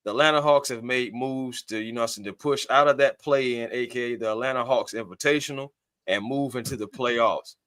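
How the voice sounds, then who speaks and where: A man's voice: medium pitch, normal speed, fairly bright tone, no room sound. Guy hosting a sports fan stream over a video call, upbeat, dry and close. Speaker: podcast host. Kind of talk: casual sports talk livestream.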